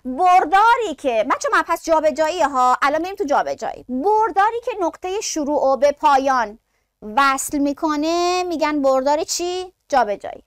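A woman's voice: high voice, expressive, no room sound, clean studio sound. A woman teaching a science lesson who asks the class questions, answers them herself, and speaks to her students affectionately. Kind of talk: classroom lecture.

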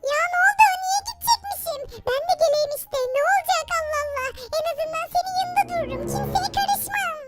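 A very high, squeaky little girl, cheeky and always scheming her next prank. She chatters over loud, bouncy children's music in a game role-play skit. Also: fast, hardly any pauses. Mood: whiny.

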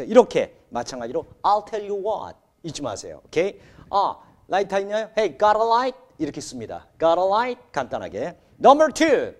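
A man with a high, buoyant voice hosts an English lesson. His pitch leaps up and down as he calls out phrases and explains them with exclamatory energy. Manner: energetic, exclamatory, switches between Korean and English drills. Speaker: host of an English lesson show. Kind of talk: animated TV lesson presenting.

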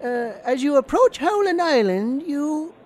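A woman's voice: high-pitched, very animated, unhurried, darkish tone. A woman playing a timid, earnest, pedantic male scientist hero in a comic radio adventure, speaking hesitantly. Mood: nervous.

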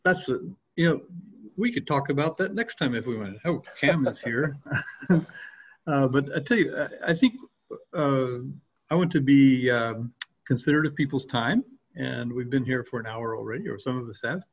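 An older man hosting a casual video-call discussion from a room at home, asking questions in a relaxed way with pauses to think. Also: medium pitch, husky. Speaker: host of an open online discussion. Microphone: laptop webcam mic on a video call. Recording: dull, lo-fi video-call audio.

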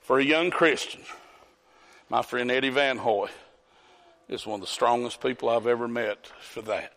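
A man's voice: mid-range voice, normal speed, fairly bright tone. A man preaching a folksy storytelling sermon, calling on congregants by name. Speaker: pastor. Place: church sanctuary. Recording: long church hall reverb.

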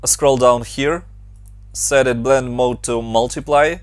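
A young Ukrainian man hosts a motion design tutorial, his accent audible as he moves briskly from one instruction to the next. His mid-pitched, steady voice is recorded dry and close, with no room sound.

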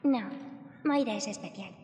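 A woman's voice: medium pitch, a little slow, darkish tone, natural voice. A woman voicing an uncertain, timid little girl in a video game dub. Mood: unsure, subdued. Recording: game audio with long reverb.

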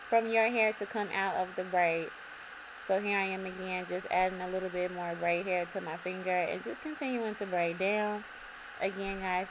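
A young woman with a slightly raspy, mid-range voice narrates a step-by-step hair tutorial from her bedroom. She addresses viewers in a relaxed way with repetitive instructions, and background noise is audible.

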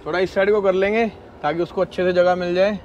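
This fast-talking man from India has a high-pitched voice, and the audio is dull with a little hiss or hum. As a trucker vlogger, he chats animatedly and casually to his viewers, calling them brother, from his cab and a snowy yard.

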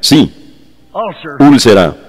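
A man voicing a translated sermon, fervent, exclaiming praise and speaking straight to his listeners, slowing down for emphatic phrases. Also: medium pitch, sing-song. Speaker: preacher.

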